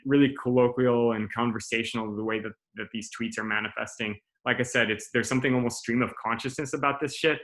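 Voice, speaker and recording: A man in his thirties giving a casual class talk, loose and profane, full of fillers and restarts. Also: lowish voice. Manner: relaxed, swearing, many fillers and restarts. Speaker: strategy director presenting a class. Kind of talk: casual presentation over video call.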